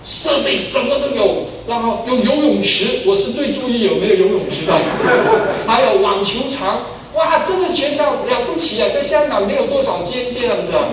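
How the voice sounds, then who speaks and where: An older pastor tells stories in his sermon and moves between loud, excited bursts and quiet asides. His voice sits high for a man and carries from a distance in a very echoey church hall. Steady background noise runs under it. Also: normal speed, hardly any pauses. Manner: animated storyteller, swings from loud exclamations to soft asides. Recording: echoey hall, far from the mic, noisy.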